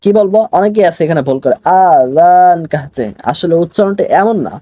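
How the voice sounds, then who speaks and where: A young man with a Bangladeshi Bengali accent teaching an online religious studies class, slowly translating phrases word by word and repeating them. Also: high-pitched, lively intonation, mellow.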